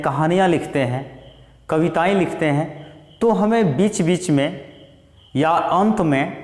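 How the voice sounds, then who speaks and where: A man teaching a grammar lesson, explaining slowly with worked examples. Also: on the high side, darkish tone. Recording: echoey room, distant reverb.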